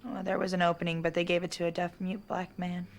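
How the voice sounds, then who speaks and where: A woman's voice: lowish voice, flat delivery, fast talker, lightly acted. A woman playing a sardonic blind sister. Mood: wry. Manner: dry, teasing, biting humor. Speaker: film character, blind sister.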